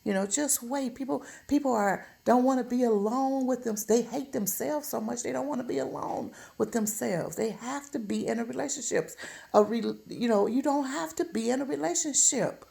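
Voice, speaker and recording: At home, a woman delivers an informal monologue of relationship advice, speaking bluntly and emphatically, admonishing listeners and repeating phrases for stress. Her voice is on the high side, gravelly and warm, at a normal speed.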